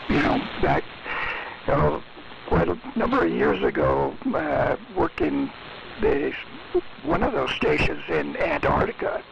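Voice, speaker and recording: An older man checking into a ham radio net, his voice coming through a slightly mistuned sideband radio signal, talking about his gear in a halting way full of fillers. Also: a little high, vocal fry. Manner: halting, filler-heavy technical talk. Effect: slightly mistuned single-sideband ham radio signal. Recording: noisy, lo-fi shortwave radio reception.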